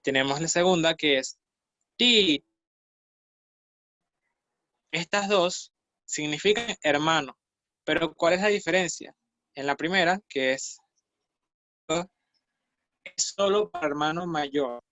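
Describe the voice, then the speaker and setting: A man teaching an online language class, slowly modeling sounds and repeating each one several times with patient explanations. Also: fairly high pitch, fairly bright tone, no echo. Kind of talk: online class, slow repeated pronunciation drills.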